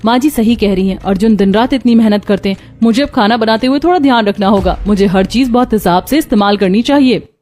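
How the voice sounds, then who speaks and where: A woman's voice: a little high, fast, few pauses, a little mellow. A woman voicing all the female roles in a Hindi cartoon story, from mother-in-law to daughter-in-law to the neighbors, in one voice. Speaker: voice actor for all female characters. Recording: faint background music.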